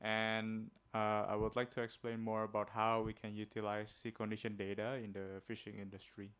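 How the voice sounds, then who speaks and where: A man's voice: fairly low pitch, completely flat delivery, normal speed, a bit bright, clean tone. A man from Indonesia with an Indonesian accent, giving a friendly workshop presentation with many filler uhs. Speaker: guest presenter. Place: seminar room.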